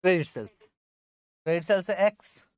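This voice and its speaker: Male accounts tutor, relaxed and chatty, talks students through each calculation; close, dry recording. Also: high voice, brisk, smooth, no echo. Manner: casual, works through sums aloud. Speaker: accounting teacher. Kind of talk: informal classroom lesson.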